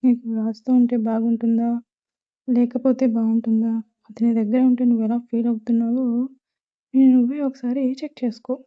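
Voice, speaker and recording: A woman voicing a caring middle-aged mother who gently advises her son's shy young bride, on a tinny, phone-like recording. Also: on the high side, little pitch movement, brisk, close to an everyday voice. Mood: advising.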